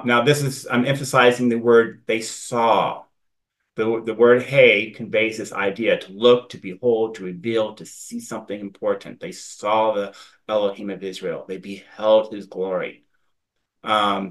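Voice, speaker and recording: A man giving a Bible study presentation, reading verses aloud and then explaining them in a relaxed, conversational way. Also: lowish voice, poor audio. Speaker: Bible teacher.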